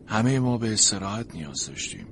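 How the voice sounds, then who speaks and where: A man narrates a storybook from a sled dog's point of view, in an expressive, plaintive way. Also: on the low side, vocal fry, slight background noise.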